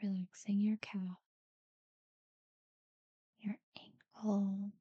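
A woman guiding a sleep meditation in a soft, breathy near-whisper, soothing and unhurried, with long pauses between short phrases. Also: medium pitch, flat delivery, dry recording, highs cut off. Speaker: guided relaxation narrator. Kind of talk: guided sleep meditation talkdown.

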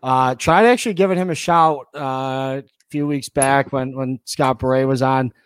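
A man's voice: medium pitch, moderate pace, smooth, no echo, clean studio sound. An American man hosting a casual sports podcast, emphatic and repeating phrases for effect. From United States. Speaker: podcast host.

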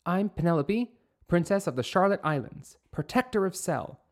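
Young princess read by a man, polite and eager, pitched high. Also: expressive, normal speed. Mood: earnest.

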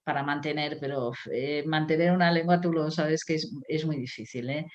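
A woman's voice: sits low, steady tone, normal speed, muffled recording. A woman, a writer and critic, talking in a reflective way with many fillers and restarts. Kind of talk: conversational interview.

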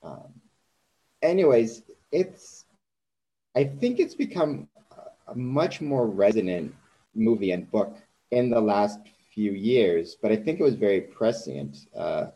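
A man's voice: lowish voice, animated, slow pace, long pauses, warm tone, poor audio. A man hosting a podcast interview, talking in a hesitant way with many ums and restarts. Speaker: podcast host. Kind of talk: conversational interview.

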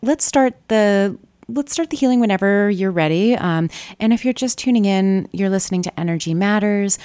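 Female radio interviewer, lowish voice, dry studio-like sound, slightly halting conversational delivery. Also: a little mellow, clean tone, dry recording. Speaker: radio show host. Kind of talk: unscripted interview hosting.

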